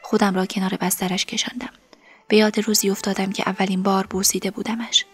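A woman narrating a story in the first person, softly and emotionally, in a breathy, whispery voice. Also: mid-range voice, level tone. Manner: soft, emotional, tearful storytelling.

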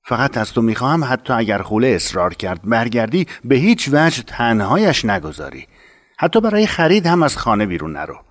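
A man playing a kind, honorable middle-aged master of a household in a narrated story, speaking slowly and gently. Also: medium pitch, big pitch swings. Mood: gentle.

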